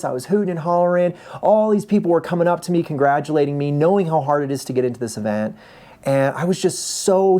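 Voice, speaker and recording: Casting note: man in his forties, vlogger, mellow low-bright tone, rambling storyteller. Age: 40s. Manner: chatty storytelling, frequent restarts. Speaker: vlogger, ultrarunner. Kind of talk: casual vlog update.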